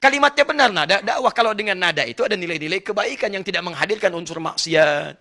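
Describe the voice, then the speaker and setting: A man's voice: sits high, expressive, quick pace, pushed and bright. A man preaching an Islamic lecture, explaining in an emphatic way and speaking straight to his audience. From Indonesia. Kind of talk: religious lecture.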